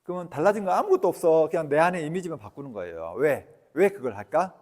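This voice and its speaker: A man giving a lecture, lively and talkative, who keeps quizzing his audience with questions. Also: a little high, fast talker, big-room sound.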